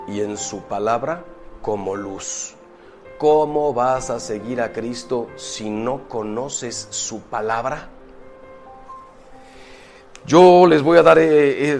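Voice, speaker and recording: A priest preaching, emphatic and full of rhetorical questions, moving from loud exclamations to quiet asides. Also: male voice, medium pitch. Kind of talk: preaching talk.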